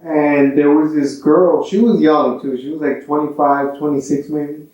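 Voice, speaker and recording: A stand-up comedian speaks bluntly and profanely in a casual podcast chat, telling stories with real animation. His voice is a little high and husky at a normal speed. The lo-fi audio was captured in a very echoey room.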